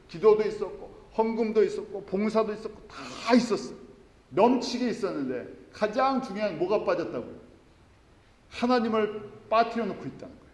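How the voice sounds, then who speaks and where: A man's voice: sits high, darkish tone. A male pastor preaching a sermon, earnestly asking his congregation questions and then answering them himself. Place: church sanctuary. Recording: echoey church hall.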